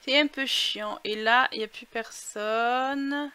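A young woman narrating her gameplay through a headset mic in a relaxed, slow-paced chat. Her voice sits high and sounds bright. She breaks into excited outbursts now and then. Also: smooth, dry recording. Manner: chatty, excitable outbursts, thinks aloud. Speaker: gaming YouTuber. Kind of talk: casual let's-play commentary.

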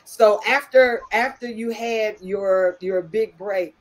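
A woman hosting a talk show and interviewing a guest, asking drawn-out, measured questions. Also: medium pitch, slight background noise, low-quality recording.

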